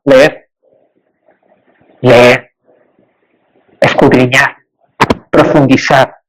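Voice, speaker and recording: High-voiced man preaching emphatically. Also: low-quality recording. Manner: emphatic, rising on repeated rhetorical lists. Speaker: pastor. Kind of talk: sermon.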